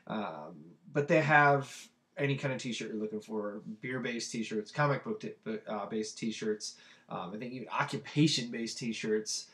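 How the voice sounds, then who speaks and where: A man's voice: mid-range voice, unhurried, a bit bright, roomy sound. A young man with a stuffy nose from a cold, chatting casually through a product review with plenty of ums and uhs. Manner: loose and chatty with many ums. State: congested from a cold. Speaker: t-shirt review vlogger.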